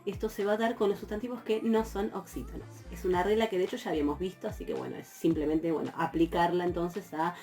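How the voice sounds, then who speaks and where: A woman's voice: fairly low pitch, steady tone, fast talker, few pauses, warm tone, soft background music. A woman from Argentina, teaching a university Greek grammar class with patient explanations and frequent fillers. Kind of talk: recorded lecture.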